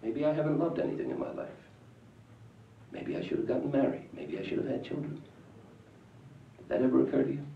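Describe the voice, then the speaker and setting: An actor playing a blunt, needling theater director who turns from sarcasm to pressing questions. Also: male voice, mid-range voice, very animated, fairly quick, vocal fry, pauses often. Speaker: stage director. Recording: roomy, distant, muffled film audio with faint hiss.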